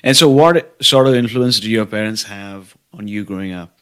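A man hosting an interview, calm and affirming, asking questions and murmuring agreement. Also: lowish voice, normal speed, clear, resonant tone. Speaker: host. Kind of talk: conversational interview.

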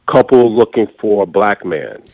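Deep-voiced man in his forties, halting. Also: big pitch swings, creaky, no echo, muffled recording. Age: 40s. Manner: halting, many fillers and restarts. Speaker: interview guest. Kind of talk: candid conversational storytelling.

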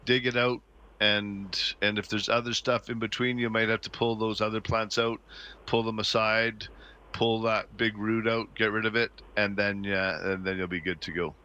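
A man's voice: lowish voice, flat delivery, normal speed, pushed and bright. A middle-aged man hosting a radio call-in show, giving casual advice in an informal, rambling, folksy way. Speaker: radio gardening phone-in host. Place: radio studio. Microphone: close studio microphone.

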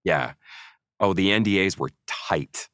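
A man's voice: sits low, unhurried, fairly bright tone, dry recording, studio quality. A man in his forties from Norway, an actor guest chatting casually and telling self-mocking stories in an interview. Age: 40s.

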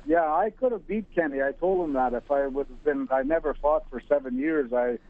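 A man in his sixties calling in over the phone to a radio show, rambling and halting with many uhs. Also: mid-range voice, no room sound. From Alberta, Canada. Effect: heard over the phone. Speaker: radio caller. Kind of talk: casual phone-in chat. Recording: tinny dry phone line.

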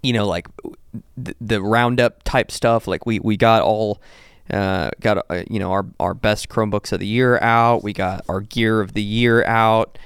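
A man's voice: lowish voice, fairly even intonation, a little slow, smooth, dry recording, studio quality. A man co-hosting a casual tech podcast, upbeat and laughing easily, with lots of fillers and restarts. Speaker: podcast co-host.

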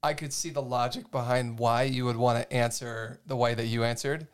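Smooth, clear-voiced man co-hosting a podcast. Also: mid-range voice, steady tone, moderate pace. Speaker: podcast co-host. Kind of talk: casual podcast banter.

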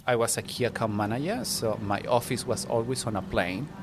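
A man from Chile, a native Spanish speaker with a Chilean accent, chatting warmly as a podcast guest and making small grammar slips. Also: medium pitch, fairly quick, noisy background. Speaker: guest, international student. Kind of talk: casual personal storytelling.

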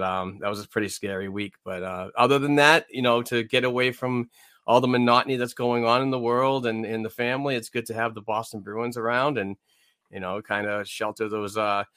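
A man's voice: lowish voice, sharp tone, no echo, clean studio sound. A man co-hosting a sports podcast in casual, conversational talk. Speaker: podcast co-host. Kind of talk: casual chat about hockey.

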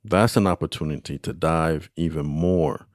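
A man giving conversational coaching advice in an encouraging, emphatic way, repeating phrases and pausing for weight. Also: very deep voice, dry recording, studio quality. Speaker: expert guest answering listener questions.

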